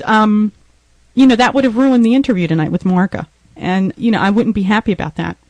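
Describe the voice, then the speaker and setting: A woman's voice: medium pitch, dry recording. A woman hosting a podcast in a casual, rambling monologue, venting with exasperated bursts and sounding stuffy from a sinus headache. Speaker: podcast host.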